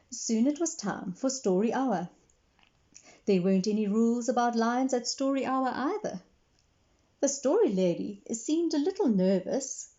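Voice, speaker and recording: Her mid-range, mellow voice comes through dull audio as a woman, acting as a librarian, reads a picture book to children. She tells the story clearly for young ears, explaining things simply along the way.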